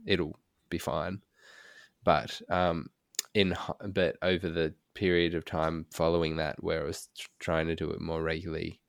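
Deep-voiced dad co-hosting a podcast. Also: male voice, level tone, normal speed, creaky, clear, resonant tone, no room sound, clean studio sound. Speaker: podcast co-host, father. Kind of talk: casual podcast chat.

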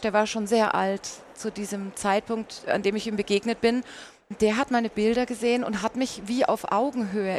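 A woman's voice: mid-range voice, a little hiss or hum. A woman, a painter and singer, talking as an interview guest, recounting her path in a reflective way. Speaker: guest, painter and mezzo-soprano. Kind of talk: conversational interview storytelling.

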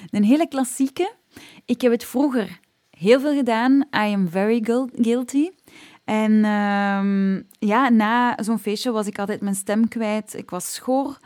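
A woman with a Flemish accent talks through voice-care tips in a relaxed, conversational way, pausing often on filler sounds. Her tone is warm and dark. She is recorded close and dry, with no room sound. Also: medium pitch, no room sound. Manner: chatty, frequent "ehm" fillers, laughs at herself. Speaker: singing teacher. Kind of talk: casual spoken vocal health tips.

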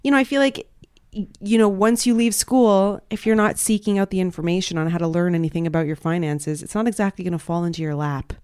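A woman hosting a podcast chats easily and laughs a lot. Her voice sits a little low for a woman. The recording is close and dry, with no room sound. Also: quick pace, a little mellow, smooth, no echo. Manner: chatty, laughs often. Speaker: podcast host. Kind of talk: casual chat.

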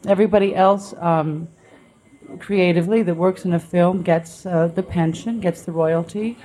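A woman being interviewed on a radio show, talking in an easygoing way with lots of um and uh as she gathers her thoughts. Her voice sits a little lower than usual for a woman. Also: steady tone, normal speed, dark tone, poor audio. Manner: chatty, with frequent um and uh fillers. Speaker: guest dancer. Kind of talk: casual interview talk.

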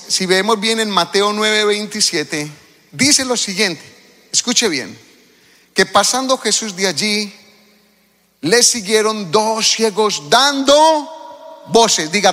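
Male preacher, high voice, lively sermon delivery with calls to the congregation, reverberant hall. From Colombia.

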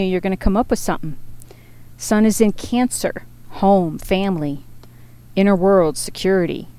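A woman's voice: medium pitch, a little mellow, clean tone. A woman giving a casual spoken astrology forecast, chatty and rambling, often laughing at herself. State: feeling hot and sweaty.

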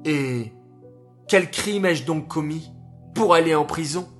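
A man's voice: a little high, slow pace, soft background music. A man voicing a young army captain who earnestly pleads that he is innocent. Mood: pleading. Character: young army captain, wrongly accused, proud.

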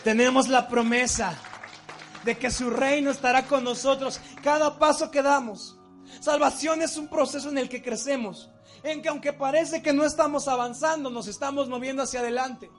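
A Mexican man preaching a sermon, moving between loud exhortation and soft, intimate passages. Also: very high-pitched, fairly even intonation, normal speed, soft background music.

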